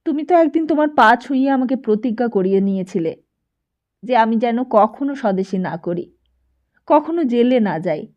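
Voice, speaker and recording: A woman's voice: fairly high pitch, expressive, normal speed, lightly acted. A woman voicing an earnest young man pressing his mother with questions, in a storybook reading. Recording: dull lo-fi recording.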